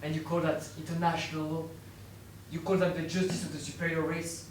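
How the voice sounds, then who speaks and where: An actor playing a bitter, defiant captured fighter who fires accusing rhetorical questions, recorded in an echoey room from a distance. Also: male voice, on the high side, little pitch movement, brisk, slight background noise, natural voice. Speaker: stage actor. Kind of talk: stage play acting. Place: theatre stage.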